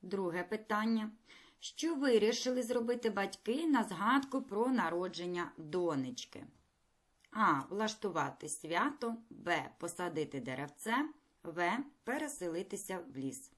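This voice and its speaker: A woman teaching a primary school lesson in a recorded video, speaking clearly, patiently and encouragingly. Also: medium pitch, very animated, unhurried.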